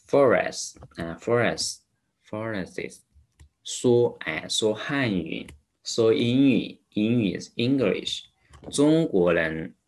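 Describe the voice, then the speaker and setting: A man teaching Chinese vocabulary, repeating each word slowly and adding English glosses, with a Mandarin accent. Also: low-pitched. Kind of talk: vocabulary lesson.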